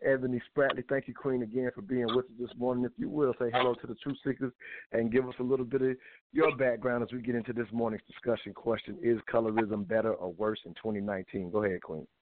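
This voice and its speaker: A man hosting a call-in talk show, introducing guests and rambling through restarted phrases. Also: medium pitch. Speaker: show host. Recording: tinny phone line.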